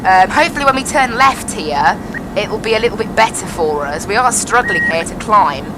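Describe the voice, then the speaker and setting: A woman's voice: mid-range voice, animated, brisk, very noisy. Chatty woman sim pilot on a cockpit headset. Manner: chatty, explains as she flies, repeats "I have to be honest". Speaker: flight sim pilot and streamer. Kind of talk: casual live-stream commentary over a cockpit headset.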